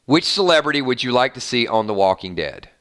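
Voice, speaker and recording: Clear and resonant, a bit bright, his medium-pitched voice swings widely in pitch as he talks briskly. The man hosts a casual fan live stream, reading comments aloud in a chatty, upbeat, rambling style with many fillers and restarts.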